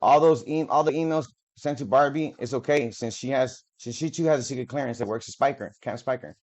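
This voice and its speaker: Brisk and darkish in tone, this mid-range male voice belongs to a video creator reading official documents to the camera. He trips over words and drifts into casual, profane tangents, all on dull lo-fi audio.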